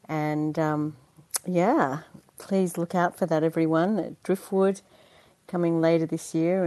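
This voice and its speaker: A woman with a low, mellow voice speaks as a guest in a conversational interview, where she appears as a performer. Dutch is her first language, and she comes across as chatty and earnest, laughing easily and using many fillers. There's no room sound.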